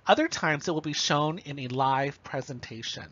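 A man's voice: a little high, moderate pace, a bit bright, lo-fi sound. A man giving a recorded lecture, explaining step by step and checking in with the listener. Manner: explanatory, checks in with okay and right.

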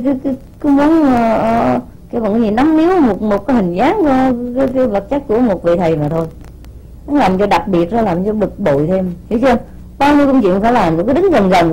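A woman spiritual teacher speaks to her disciples in a high voice. She scolds them in an informal, unscripted sermon, stumbling over repeated words and pressing them with rhetorical questions. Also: warm tone, breathy edge, rough recording.

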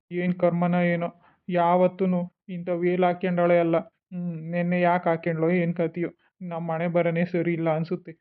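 A man's voice: high-pitched, clean tone, close to an everyday voice. A man voicing a young father in a cartoon, comforting his child patiently. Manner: soothing, patient. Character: caring young father, gentle and sad. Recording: tinny phone-like sound.

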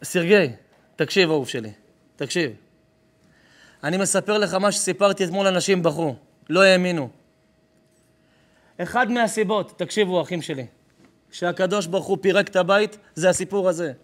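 A man's voice: sits high, long pauses. A rabbi giving a live sermon, telling a story with emphasis and calling to his listeners directly. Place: live lesson before an audience.

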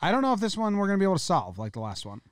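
A man's voice: high-pitched, huge pitch swings, racing, no room sound, clean studio sound. A man co-hosting a comedy history podcast, chatting jokily and reading notes aloud. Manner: jokey, self-deprecating, reads notes aloud. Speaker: podcast co-host.

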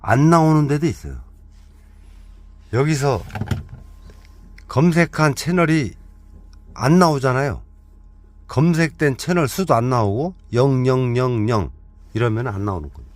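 A man's voice: mid-range voice, animated, unhurried, pauses often, a little mellow, no echo. A man giving a joking, chatty hands-on walkthrough of a camper van, counting steps aloud as he goes. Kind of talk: casual hands-on product walkthrough.

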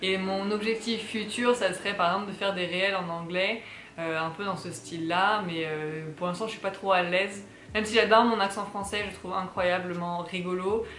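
A woman's voice: mid-range voice, steady tone, a little fast, a bit bright, roomy sound, slight background noise. A young woman from France chatting casually to camera in her apartment, rambling with lots of fillers. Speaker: vlogger. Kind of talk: casual vlog chat. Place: apartment, indoors.

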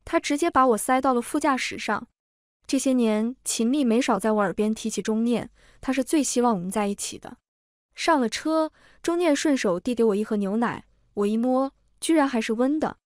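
Woman storyteller, scripted narration, steady reading, fairly high pitch, dry close sound. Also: moderate pace, no echo.

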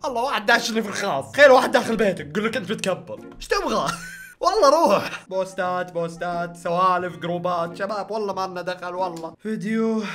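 A man's voice: high-pitched, a bit bright. A young man, hosting a casual reaction vlog in a playful way and laughing often. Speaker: YouTuber host.

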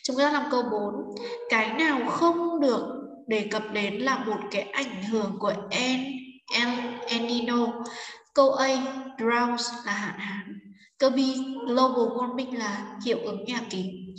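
A woman's voice: on the high side, moderate pace. A woman teacher explaining an English exam step by step, reading English words aloud and then explaining them. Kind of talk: exam walkthrough lesson. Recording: echoey room, distant mic, faint noise.

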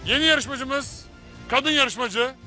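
A man's voice: very high-pitched, takes it slowly, pushed and bright, faint music behind. A man hosting a reality competition show, welcoming a contestant in an upbeat, announcing manner. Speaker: show host.

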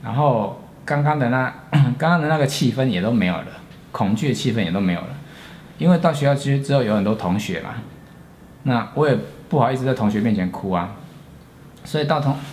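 A man in his forties with a Taiwanese Mandarin accent tells a story from his own life. He speaks earnestly and reflectively in a mid-range voice, pausing and restarting as he recalls it. Faint noise sits behind him. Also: mid-range voice, lively intonation, darkish tone. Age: 40s. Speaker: storyteller, channel host. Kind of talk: personal storytelling.

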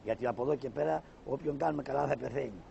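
A man voicing a cunning, cheeky trickster who poses as a doctor in a shadow-puppet play, talking in quick, dismissive retorts. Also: mid-range voice, vocal fry, warm tone, a little hiss or hum. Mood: scheming. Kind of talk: Greek shadow-puppet theater. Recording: dull lo-fi recording.

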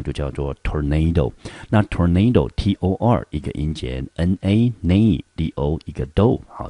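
A man with a Taiwanese Mandarin accent teaching a recorded English vocabulary lesson to high school students, explaining patiently and talking to them directly. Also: mellow, no echo. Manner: explanatory, addresses students directly, frequent "好" and "呢" fillers.

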